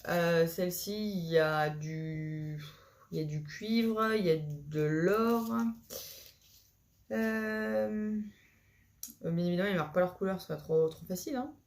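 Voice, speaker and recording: Chatty woman with a lowish voice. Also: measured pace, pauses often, darkish tone. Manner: hesitant, many fillers and restarts, chatty. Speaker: vlogger showing a haul of coloring supplies. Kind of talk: casual chat to camera.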